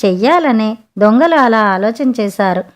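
A woman voicing a clever, sharp-tongued young sea maiden in a spoken storybook, talking frankly and chidingly. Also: fairly high pitch, expressive, moderate pace, natural voice.

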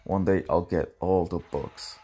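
A young man muttering frustrated commentary while pulling in a mobile game, grumbling with sudden yelled outbursts. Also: low-pitched, fairly even intonation, a little slow, a little hiss or hum. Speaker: gamer. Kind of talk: casual gacha pull commentary.

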